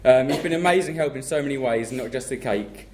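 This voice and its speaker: A young groom from southern England gives his wedding speech to guests, speaking fast at a medium pitch. He jokes, then warmly thanks family, while a loud crowd of laughing guests fills the reception with noise.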